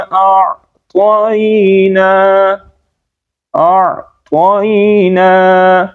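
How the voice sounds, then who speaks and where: A man teaching correct Quran recitation, explaining common pronunciation mistakes and then reciting words slowly to demonstrate. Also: a little high, phone-quality sound. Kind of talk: tajweed lesson.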